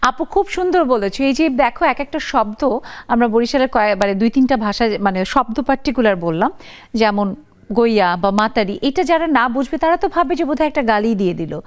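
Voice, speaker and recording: A woman's voice: on the high side, expressive, fairly quick. A woman hosting a live television talk show, inviting callers and viewers to share their thoughts. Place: TV studio.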